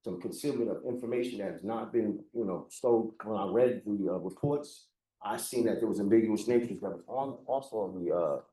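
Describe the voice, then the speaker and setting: Loud, fast-talking man in a courtroom. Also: lowish voice. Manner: loud, fast and insistent, talks over the judge. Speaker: defendant in court. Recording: roomy courtroom sound, mic at a distance.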